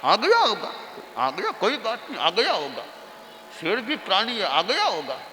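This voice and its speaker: A man voicing a calm old male guru who speaks softly and without hurry. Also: high-pitched, measured pace, long reverb tail, slight background noise, full character voice. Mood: serene.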